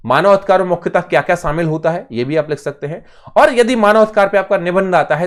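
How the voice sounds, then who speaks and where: A man teaching an exam-prep lecture in Hindi, posing questions and answering them himself, often checking in with "ठीक है". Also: fairly high pitch. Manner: emphatic, with sudden bursts of loudness on key terms.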